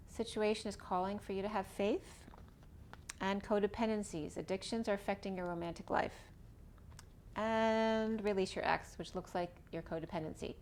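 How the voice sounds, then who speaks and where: A woman's voice: mid-range voice, a little hiss or hum. A woman giving a casual tarot reading, talking through each card as she draws it while losing her voice. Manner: chatty, thinking aloud while drawing cards.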